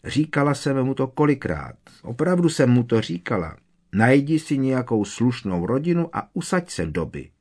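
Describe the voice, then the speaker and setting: A man voicing a tiny, servile female house-elf with a squeaky, trembling voice, reading a storybook. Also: big pitch swings, a little mellow, slightly rough. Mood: anxious. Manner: fearful, deferential, keeps saying sir.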